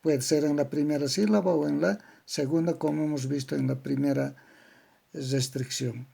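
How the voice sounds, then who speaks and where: A man with a Bolivian accent lectures like a patient teacher, listing sounds and syllables one at a time. His voice is dark and gravelly, a little higher than most men's, and he talks very slowly. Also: steady tone. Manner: spells out syllable patterns slowly, word by word. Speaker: language teacher. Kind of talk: slow didactic lecture on grammar.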